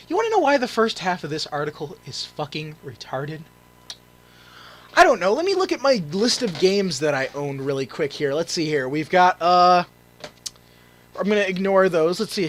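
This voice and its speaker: A gaming YouTuber ranting angrily in a vlog, swearing often and bursting into shouts. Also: male voice, high-pitched, sing-song, moderate pace, low-quality recording.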